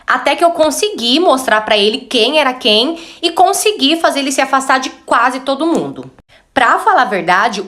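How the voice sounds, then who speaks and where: Read as a woman narrating a story calmly and evenly, in a slightly raised voice. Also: sits high.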